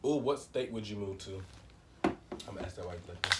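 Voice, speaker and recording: A man's voice: lowish voice, fast. A man talking casually and colloquially while eating and chewing, in a mukbang question-and-answer chat. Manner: informal, colloquial. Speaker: mukbang co-host. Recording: slightly distant mic, noisy background.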